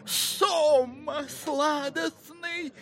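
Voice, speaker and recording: Crazed, shrill professor, raving like mad scientist. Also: male voice, fairly even intonation, drawn-out words, fairly bright tone, exaggerated voice. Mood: ecstatic raving. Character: delirious feverish professor raving like a fanatic prophet. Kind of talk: audio drama acting.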